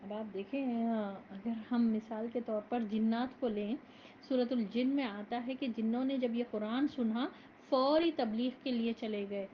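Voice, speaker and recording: A woman teaching a Quran commentary lesson in a measured, explanatory way, mixing in English words. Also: on the high side, steady tone, a little hiss or hum. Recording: dull lo-fi recording.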